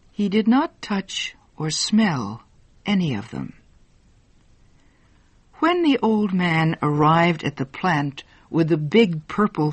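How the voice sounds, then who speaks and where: A narrator reading a story slowly and clearly in a scripted style. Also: no echo. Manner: slow, clear, expressive pitch.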